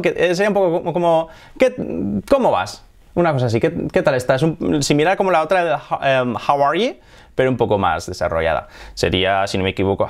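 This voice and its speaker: Spanish guy from spain teaching casually, bouncy lively voice, chatty, laughs a lot. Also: medium pitch. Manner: chatty, laughs often, models English phrases in a raised voice. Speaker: English teacher. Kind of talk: casual video lesson.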